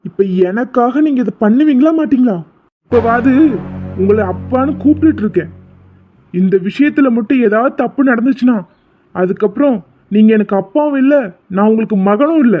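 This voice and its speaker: A man's voice: very high-pitched, fairly quick. A man voicing a desperate, lovesick younger son who pleads and then turns fierce and bitter. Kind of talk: Tamil cartoon voice acting. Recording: tinny phone-like lo-fi audio.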